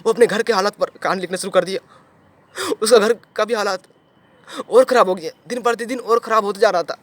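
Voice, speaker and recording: A man's voice: high voice, a little fast, fairly bright tone, dry recording. A young man performing a dramatic audition monologue, retelling a story with emphatic repetition and sudden swells and drops in intensity.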